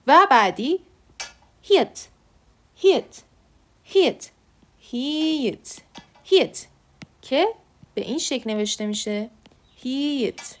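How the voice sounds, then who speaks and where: A woman teaching Korean letters, patiently repeating each sound slowly. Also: a little high. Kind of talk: online alphabet lesson.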